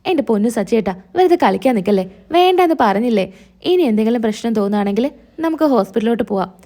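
Young wife read by a woman, gentle, pleading, wounded, high voice, mellow tone. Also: animated, fast talker. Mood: hurt. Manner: pleading, soft, hurt.

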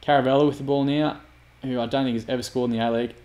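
A man's voice: medium pitch, fairly even intonation, rapid-fire, a little mellow. A man commentating his own football manager game, prone to sweary, exasperated outbursts. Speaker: gaming YouTuber.

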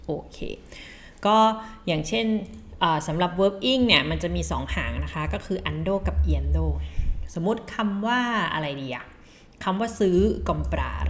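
Slow-talking Thai woman teaching Spanish. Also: lowish voice. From Thailand. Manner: chatty, laughs at own slips, reads phrases slowly. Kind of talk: casual language lesson.

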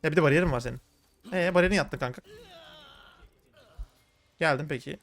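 A man giving live commentary on his own gameplay, talking to viewers in an excitable, slangy way. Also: a little high, a little fast, soft background music. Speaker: gaming streamer.

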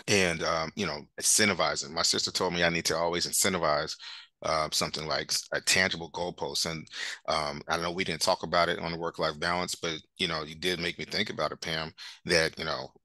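A man's voice: low-pitched, fairly even intonation, brisk, bright, forceful tone, dry recording. A man hosting a webinar over a video call, rambling loosely with many fillers. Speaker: webinar host. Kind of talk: casual webinar talk.

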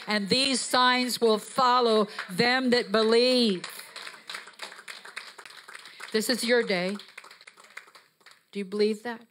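A woman's voice: a little high, a bit bright. A woman preaching with fervor and emphatic exhortation, walking the stage with a handheld mic in a church sanctuary. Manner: fervent, emphatic, rising to exhortation; walks the stage while preaching. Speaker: guest preacher. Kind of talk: sermon. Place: church sanctuary, mid-sized, indoors. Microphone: handheld microphone.

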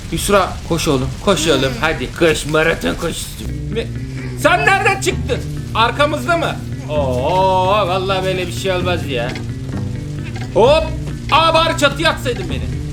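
A young father hosting a casual let's-play, reacting with dramatic exclamations and teasing. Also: high-pitched. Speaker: father and gaming channel host. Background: background music.

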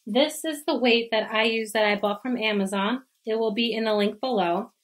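A young adult woman with a slightly high voice speaks at a normal pace, chatting casually and enthusiastically with her viewers while she demonstrates cooking in her home kitchen. She's a cooking vlogger recorded by a camera on a stand, close up when she talks to it and a little farther back when she's at the stove.

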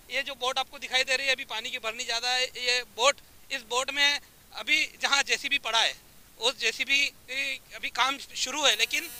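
A middle-aged man reporting the news outdoors on a seaside jetty, speaking into a handheld mic with a steady, informative delivery and frequent filler sounds. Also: very high-pitched, poor audio.

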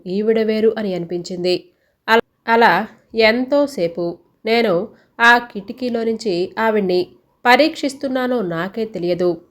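A woman narrating a first-person short story in a measured, expressive reading style. Her voice sits a little high. She paces the scenes steadily, lingering on descriptive passages.

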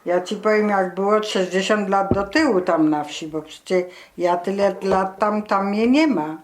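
Elderly woman, slow-paced and colloquial. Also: mid-range voice, a little hiss or hum. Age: 70s or older. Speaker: grandmother being interviewed. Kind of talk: casual reminiscing conversation.

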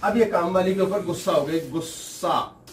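A man giving a motivational talk, telling a household story with lively, quick mimicking voices. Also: sits high, far from the mic, a little hiss or hum. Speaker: motivational speaker.

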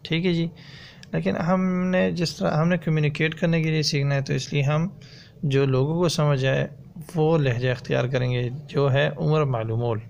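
A man teaching a language lesson, slowly repeating each word and phrase as he drills it. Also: fairly high pitch, steady tone, gravelly, darkish tone, muffled recording, a little hiss or hum. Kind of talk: slow, repetitive language lesson. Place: voice-over on a slide video.

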